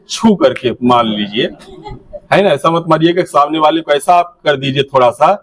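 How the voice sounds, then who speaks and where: Male teacher trainer with a fairly high voice, coaching a group through a game, directive and instructive. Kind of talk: classroom activity instruction.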